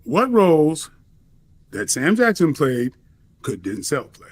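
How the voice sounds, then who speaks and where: A man with an American accent and a fairly high voice that swings up and down a lot. He argues casually and insistently, throwing out questions and the odd swear word. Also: sing-song, takes it slowly. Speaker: debater posing questions. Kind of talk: casual conversational debate.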